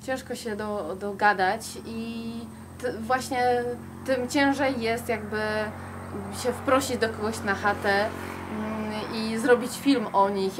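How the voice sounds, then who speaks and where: A woman's voice: mid-range voice, background noise. A young woman travel vlogger answering viewer questions in casual chat, hesitating often with fillers. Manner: chatty, hesitant with many fillers.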